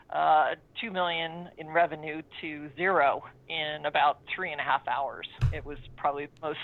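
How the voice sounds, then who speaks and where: A woman's voice: fairly low pitch, no room sound. A mature woman speaking as a coach being interviewed, telling personal stories in an earnest, explanatory, conversational way. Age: 50s or older. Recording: dry, phone-like narrow-band sound.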